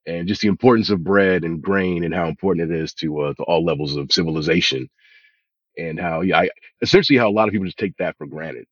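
A man's voice: sits low, fast talker, breathy edge, no echo. A man heard over a video call, chatting casually about a movie, laid-back, with lots of "like" and "you know". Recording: dull lo-fi video call audio.

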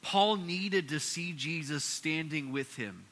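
A man's voice: a little high, slow pace. A male pastor preaching a verse-by-verse sermon, telling the story in a casual, conversational way with frequent restarts. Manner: conversational, many restarts, animated retelling. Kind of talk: expository sermon.

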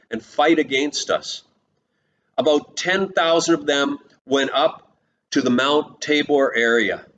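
A pastor preaching a sermon and retelling the story, breaking into quick voiced lines for its people. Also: male voice, a little high. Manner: retells the story and quotes its people in lively snatches of voice. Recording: slightly dull recording with faint hiss.

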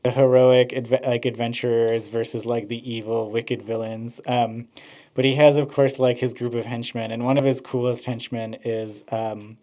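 A man's voice: mid-range voice, level tone, moderate pace, mellow. A man, a podcast host, rambling through casual chat, with many "like" fillers. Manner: rambling, heavy use of "like" fillers.

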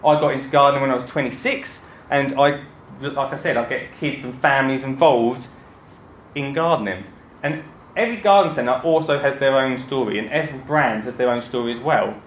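A man's voice: mid-range voice, brisk, fairly bright tone. A man with an Essex accent gives an informal, joking, self-deprecating talk to an audience as a gardening podcaster. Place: indoor talk before an audience, roomy space. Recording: echoey room with some background noise.

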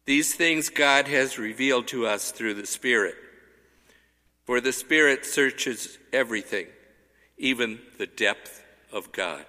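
Slow man reading in cathedral echo. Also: mid-range voice, sharp tone. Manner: slow, measured, deliberate reading. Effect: cathedral echo, long church reverb. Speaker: lector. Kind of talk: liturgical scripture reading. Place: large church. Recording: reverberant church hall.

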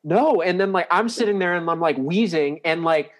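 A man's voice: on the high side, fairly quick, a bit bright. A man casually retelling an old road story, rambling and full of "like" fillers as he corrects himself mid-sentence. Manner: rambling, heavy use of "like", self-correcting.

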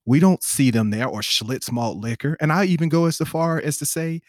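A man in a casual panel discussion, making an animated, pointed argument. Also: fairly high pitch, moderate pace, dry recording, studio quality.

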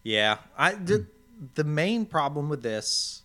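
A man's voice: a little high, sing-song, slow pace, sharp tone. A man co-hosting a podcast in casual chat, informal and thinking aloud as he goes. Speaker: podcast co-host.

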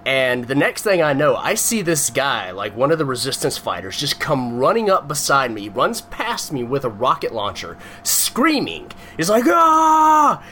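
Bright-voiced man telling a rambling story. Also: medium pitch, normal speed, few pauses, a little hiss or hum. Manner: rambling, animated storytelling with many fillers. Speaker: podcast co-host. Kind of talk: casual chat.

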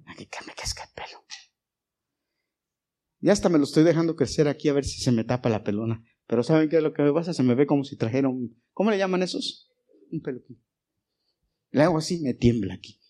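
A man preaching a sermon as pastor, animated, asking his congregation questions and swinging between loud and soft. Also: on the high side, fast. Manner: animated preaching, rising and dropping in volume. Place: church.

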